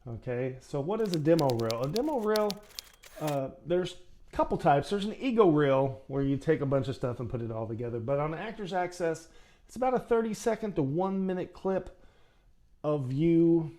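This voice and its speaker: Male acting coach, fairly high voice, very animated delivery, folksy and direct to camera. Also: normal speed. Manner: chatty, folksy, addresses viewer directly. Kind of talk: casual how-to talk.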